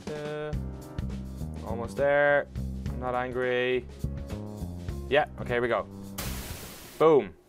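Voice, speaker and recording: A man's voice: mid-range voice, steady tone, slow pace, pauses often, music in the background. A man hosting a let's play, giving casual, joking commentary while reading a visual novel. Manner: wry, joking.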